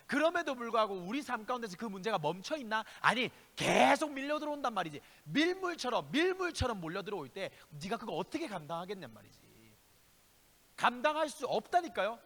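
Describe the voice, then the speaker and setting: In a church sanctuary with big-room sound, a high-voiced youth pastor delivers an impassioned youth sermon. He alternates between loud exhortation and hushed asides and addresses listeners directly with rhetorical questions.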